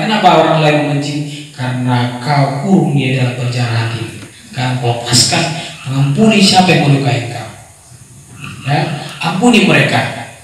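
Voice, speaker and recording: A man preaching a sermon at a youth church service, animated, asking rhetorical questions and acting out scolding voices. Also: fairly high pitch. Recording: echoey hall, far from mic, faint noise.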